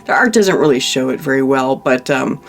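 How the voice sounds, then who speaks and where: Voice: mid-range voice, lively intonation, moderate pace, vocal fry. Emotional tarot reader thinking aloud. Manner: thinks aloud while turning cards, emotional and consoling; frequent restarts and trailing-off phrases. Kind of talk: monthly tarot reading, talking to the viewer.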